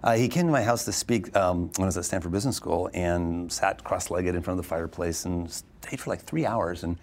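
His voice sits low as this man, a venture capitalist from Arizona, USA, responds to an interviewer. He speaks rapidly and with animation, jumping back to restart his thoughts.

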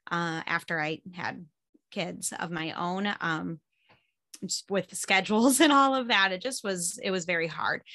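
A woman in her thirties with a light Midwestern American accent talks easily as a podcast guest, filling her sentences with ums. Her voice is bright and forward, and the recording is dry and close. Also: medium pitch, dry recording. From Michigan and Chicago area. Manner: chatty, many fillers, laughs often. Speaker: podcast guest, homeschool mom and music teacher. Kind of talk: casual interview chat.

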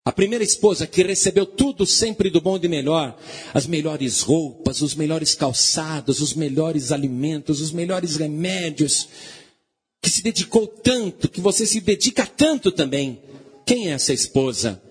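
A man's voice: a little high, normal speed, breathy edge. A man preaching a sermon as a pastor, telling a parable with dramatic storytelling.

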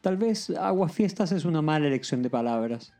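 A woman's voice: low voice, expressive, brisk, dark tone, faint music behind. A woman voicing an awkward, cynical man who stammers and dodges his feelings. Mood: hesitant. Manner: hesitant, stammering.

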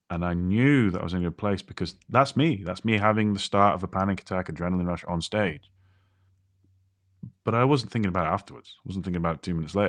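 A man with a very low voice talks on a podcast, reflective and casual, stopping to restart his sentences. The sound is dry and close, with no room behind it. He speaks from his own experience. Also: no room sound. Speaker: podcast co-host.

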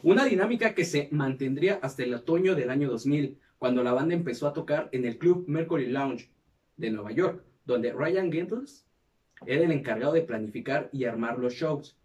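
A man's voice: mid-range voice, lively intonation, moderate pace, darkish tone, recorded from a distance. A man with a Mexican accent, hosting a casual podcast and telling a band's history, with heavy slang and crude banter. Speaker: podcast host. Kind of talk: casual chat, reading history.

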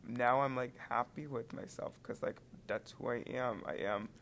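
A man's voice: medium pitch, steady tone, normal speed, a bit bright, a little hiss or hum. A teenage boy chatting casually, rambling and hesitant with lots of fillers. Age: teens. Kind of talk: casual chat.

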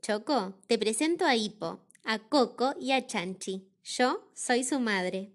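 An Argentine woman voicing a kind, motherly female bear in a storybook reading, warm and gently teasing. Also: a little high, lively intonation, takes it slowly. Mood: tender. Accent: Argentine Spanish. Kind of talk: storybook read-aloud.

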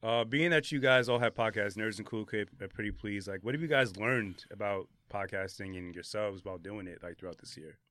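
A man's voice: fairly low pitch, a little fast, hardly any pauses, fairly bright tone. A man hosting a casual podcast chat, joking around and asking the others questions in slang. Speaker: podcast host.

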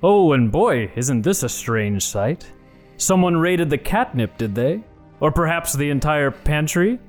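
A man's voice: a little high, very animated, measured pace. A man acts out an older, burly safari hunter as a tabletop game villain. He is showy and amused, talking down to everyone with jovial condescension over faint music. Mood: jovial, mocking. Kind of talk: in-character tabletop role-play.

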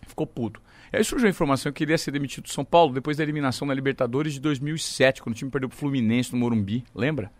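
A man's voice: medium pitch, rapid-fire, no echo. A man with a Brazilian Portuguese accent, a sports reporter telling a vivid story in a casual podcast chat.

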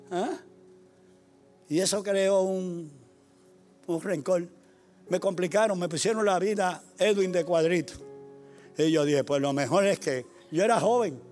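An older man, a retired pastor preaching a sermon, repeating his phrases and swinging between quiet storytelling and loud exhortation. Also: high voice. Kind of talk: sermon with personal stories.

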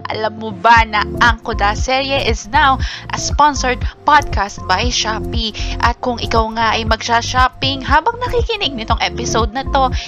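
A woman podcast host with a slightly high voice chats gently and reacts softly. Music plays clearly behind her. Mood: upbeat. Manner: soft listener, brisk upbeat ad read. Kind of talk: casual chat.

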